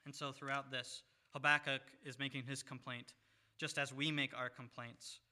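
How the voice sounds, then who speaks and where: A man preaching a sermon, reading scripture in a measured way with pauses. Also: medium pitch, flat delivery, pushed and bright.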